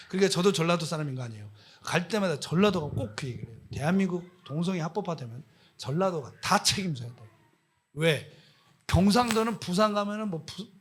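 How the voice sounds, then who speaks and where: Man, missionary preacher, sermon, impassioned and scolding, high lively voice, husky edge. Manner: impassioned, scolding, full of rhetorical questions.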